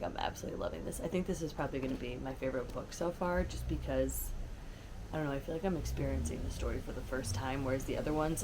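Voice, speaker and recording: Low-voiced American woman chatting in the wind. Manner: enthusiastic, informal, rambling. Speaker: book vlogger. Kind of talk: casual chat to camera. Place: outdoors in a windy spot. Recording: clear wind and outdoor noise. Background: wind, outdoor ambience.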